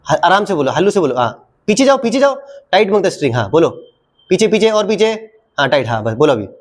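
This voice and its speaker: A man's voice: high voice, sing-song, fast. Coaxing man teaching a class. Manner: coaxing, asks the class the same question again and again. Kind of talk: classroom lesson to children. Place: classroom with a projector.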